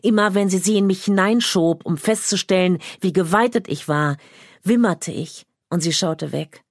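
A woman narrating a first-person literary story in a quiet, measured, intimate reading. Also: fairly low pitch, no echo, clean studio sound. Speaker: audiobook narrator.

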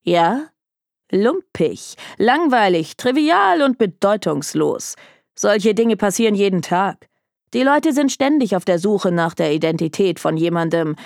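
A woman's voice: lowish voice, a little mellow, no echo, studio quality. A woman voicing an arrogant, bored young male detective who talks in a scornful, dismissive drawl.

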